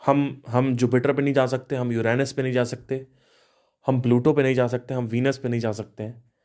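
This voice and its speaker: A thirty-year-old man hosts a podcast, thinking out loud about spiritual ideas, restarting sentences and posing rhetorical questions. His voice sits in the mid range with a dark tone, and he speaks at a normal speed with a flat delivery.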